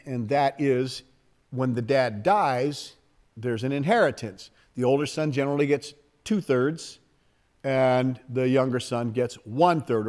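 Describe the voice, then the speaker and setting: A man's voice: on the high side, a little mellow. A man preaching a sermon in an emphatic, conversational way, often asking his listeners questions.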